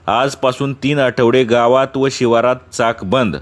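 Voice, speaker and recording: A man voicing a stubborn old village elder with gruff, commanding rustic speech. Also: mid-range voice, steady tone, unhurried, natural voice.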